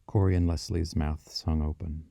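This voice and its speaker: This is a male audiobook narrator with a very low voice and a dark, mellow tone. A gravelly fry runs through his measured, descriptive storytelling. The sound is dry and close. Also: little pitch movement, no room sound.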